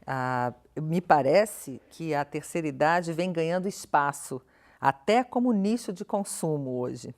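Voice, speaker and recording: In a television studio interview, a Brazilian woman who is a professor and researcher explains her views as the guest. Her low-pitched, darkish voice has lively intonation and an unhurried pace, and she speaks articulately and questioningly, stressing key words.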